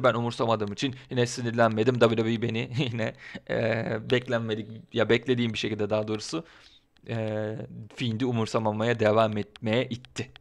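Fast-talking excitable man vlogging. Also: medium pitch. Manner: excitable, ranting, colloquial. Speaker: wrestling commentary vlogger. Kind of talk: casual opinion vlog.

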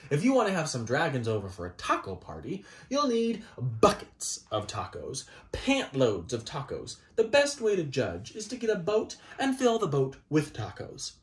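In a small child's room, a man in his thirties reads a children's picture book aloud. His medium-pitched, slightly bright voice goes theatrical and playful, exaggerating every line with swoops and dramatic gasps.

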